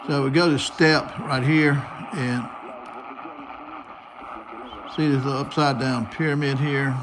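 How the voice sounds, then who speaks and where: An American radio hobbyist demonstrates a receiver in a casual, unscripted hands-on tutorial, narrating each step. His mid-range voice is steady and slow, and the noisy recording carries shortwave static and a noisy broadcast behind him.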